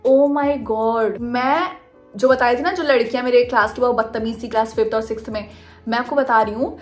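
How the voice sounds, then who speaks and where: A young woman telling a personal story in a casual, animated way, mixing Hindi with English phrases. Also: a little high, normal speed, faint music behind. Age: young adult. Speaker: vlogger.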